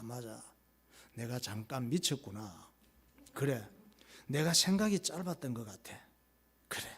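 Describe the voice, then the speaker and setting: A man voicing a husband who quietly admits he was wrong. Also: mid-range voice, breathy edge. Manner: quiet, sheepish self-reproach. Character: humbled, repentant husband.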